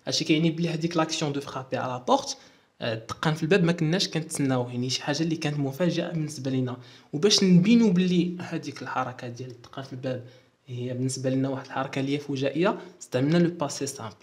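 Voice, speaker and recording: Fast-talking Moroccan man teaching grammar. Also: mid-range voice. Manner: spells out endings letter by letter, mixes in French terms. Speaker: French teacher. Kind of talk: explaining a French grammar lesson in Moroccan Darija.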